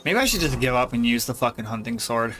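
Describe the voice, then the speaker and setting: A man's voice: medium pitch, expressive, quick pace, a bit bright. A man streaming a game, commenting casually to himself, swearing and puzzled at what happens. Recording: faint game music behind.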